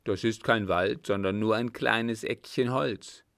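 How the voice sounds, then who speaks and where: A man's voice: lowish voice, a little slow, creaky, a bit bright, no room sound, clean studio sound. A man playing a blunt, curt innkeeper. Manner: blunt and dismissive.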